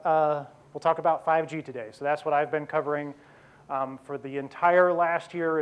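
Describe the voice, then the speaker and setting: A man in his forties giving a conference keynote, quick and self-deprecating, with many fillers and restarts. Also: fairly high pitch. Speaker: keynote speaker. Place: conference hall.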